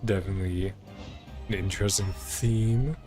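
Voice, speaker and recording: With game music in the background, a man comments casually on his own playthrough, thinking aloud in short, musing fragments. His voice is low, his intonation fairly even, and his pace moderate.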